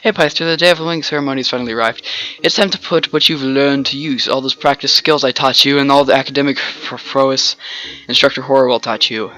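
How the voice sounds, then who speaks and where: A man reading aloud an encouraging male instructor from a video game who explains the controls in an upbeat, instructive way. The bright voice moves along briskly. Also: medium pitch, steady tone, pitched above the performer's own voice, lightly acted, rough recording.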